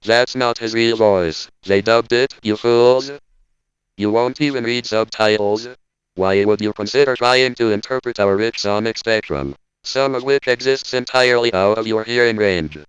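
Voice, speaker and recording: A man voices a cold, logical robot spokesman giving a stiff, deadpan lecture, with a low, smooth, resonant voice. The recording sounds slightly dull and lo-fi. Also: normal speed, no echo, close to an everyday voice. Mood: stern. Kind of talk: scripted parody monologue.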